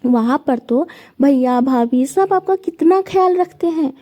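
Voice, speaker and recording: A woman's voice: high-pitched, expressive, measured pace, warm tone. A woman voicing a grown son in a family story, reading his lines plainly in her own voice. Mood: reasoning. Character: middle-aged son, dutiful but money-minded.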